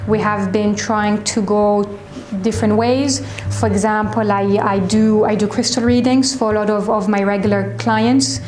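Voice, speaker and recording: A woman in her twenties with a French accent, a shop owner answering interview questions in a reflective way, often pausing and restarting. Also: medium pitch, steady tone, a little mellow, slight background noise. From France. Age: 20s. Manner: reflective, hesitant with fillers and restarts. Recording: echoey room.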